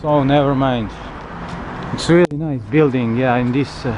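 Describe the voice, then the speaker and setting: Halting male vlogger in loud outdoor wind. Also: mid-range voice, fairly even intonation. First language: not English. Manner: halting, hesitant non-native English with searching pauses. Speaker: travel vlogger, tour guide. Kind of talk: unscripted walking city tour commentary. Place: outdoors on windy city streets by a river.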